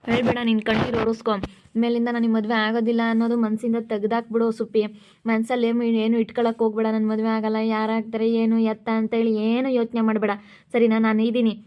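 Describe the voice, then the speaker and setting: A woman voicing an earnest, protective young village man who reassures quickly, in an amateur village skit. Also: a little high, monotone, natural voice. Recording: dull lo-fi sound with faint noise.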